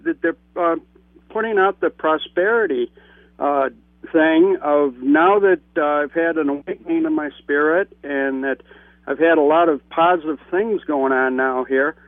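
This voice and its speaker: Guy calling in on a crackly cell phone that keeps breaking up, kinda high voice, hesitant, lots of uhs. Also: dry recording. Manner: hesitant, halting, many fillers. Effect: cell phone line breaking up. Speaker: caller. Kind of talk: call-in radio chat.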